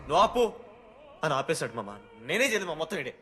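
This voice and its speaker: Jumpy young college dude, fast lively talk, film music behind. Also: male voice, a little high. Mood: defensive. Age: young adult. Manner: excitable, quick shifts to pleading. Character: teasing male college student caught out. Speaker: actor.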